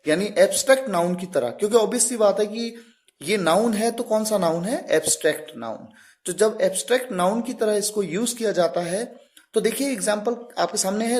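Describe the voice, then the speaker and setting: A man teaching English grammar. He explains slowly and deliberately, stops on each example word and keeps asking the listener questions. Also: high voice, a little mellow. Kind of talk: classroom explanation.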